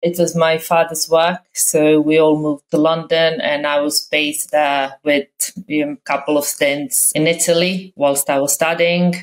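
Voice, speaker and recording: This podcast guest is a Croatian woman in her fifties speaking English as a second language, describing her background in a relaxed interview. Her pitch is strikingly low for a woman. She reflects as she goes, often halting, filling gaps and starting over.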